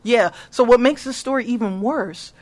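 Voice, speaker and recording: A woman with a Californian accent hosting a radio show, telling a story in a chatty, animated way. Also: fairly high pitch, normal speed. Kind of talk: casual storytelling chat.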